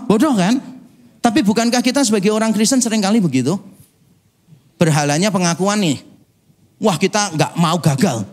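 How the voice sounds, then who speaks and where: A man from Indonesia preaching a sermon as pastor, telling animated, humorous stories and mimicking other people's voices. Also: high-pitched. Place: church.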